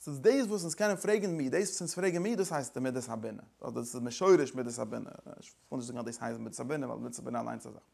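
A man's voice: medium pitch, very fast, gravelly, hardly any pauses, a little mellow, breathy edge. A man lecturing like a teacher, driving his explanation forward with repeated phrases and words from several languages.

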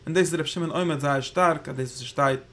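Gravelly-voiced man teaching Torah in Yiddish. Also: fairly high pitch, fast talker, pushed and bright. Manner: rambling, thinking aloud, Hebrew terms woven in. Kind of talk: Yiddish Torah class on the Zohar.

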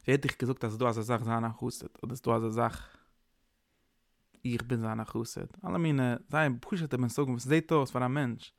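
A man's voice: medium pitch, fairly even intonation, fairly quick, creaky, dry recording, studio quality. A man giving an informal, rambling sermon, mixing in English words. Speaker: preacher. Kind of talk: informal Yiddish-tinged sermon.

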